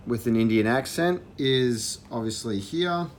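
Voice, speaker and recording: A man walking through an educational software system, explaining it in a relaxed way with fillers. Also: medium pitch, a little slow, noisy background. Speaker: presenter demonstrating software. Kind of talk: casual walkthrough.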